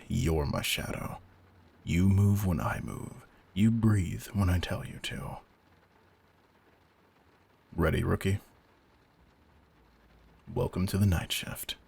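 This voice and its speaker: A man with a deep, gravelly, exaggerated voice takes the role of a veteran vampire hunter in a slow-burn audio roleplay. Intense, focused and commanding, he delivers his lines deliberately and often breathily.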